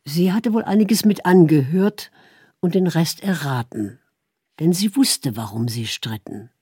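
A woman reading a story aloud in calm, measured narration. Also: low-pitched, slightly rough, dry recording, studio quality. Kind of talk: audiobook narration.

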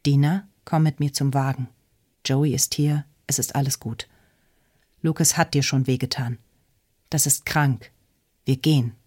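A woman's voice: low-pitched, steady tone, normal speed, darkish tone, breathy edge. A woman reads the part of a frightened young woman urging her sister to leave, in an urgent, pleading voice. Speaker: audiobook character.

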